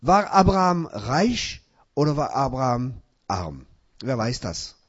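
A man's voice: medium pitch, big pitch swings, slow, slightly rough. Emphatic male preacher, dull lo-fi sound. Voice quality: non-native German phrasing. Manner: asks the congregation questions and answers himself; loud emphatic peaks between quieter passages. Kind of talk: sermon with scripture reading. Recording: dull lo-fi recording.

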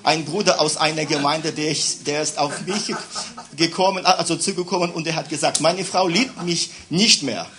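A man preaching a sermon in German in short bursts for an interpreter, with many fillers, reading scripture aloud slowly. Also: a little high.

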